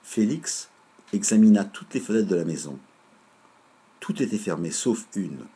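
A man reading a children's story aloud in a measured, lively way. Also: fairly low pitch, husky.

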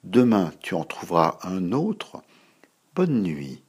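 A man voicing a busy, kind mother in a spoken storybook, raising his pitch and calling out. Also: huge pitch swings, slow, slightly rough, exaggerated voice. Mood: comforting. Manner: calling out, loud and raised.

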